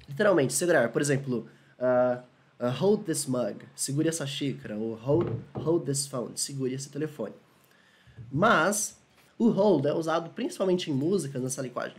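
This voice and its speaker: Upbeat Brazilian man teaching English. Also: a little high. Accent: Brazilian Portuguese. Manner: upbeat, asks viewers for agreement, slows down for English examples. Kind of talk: casual video lesson.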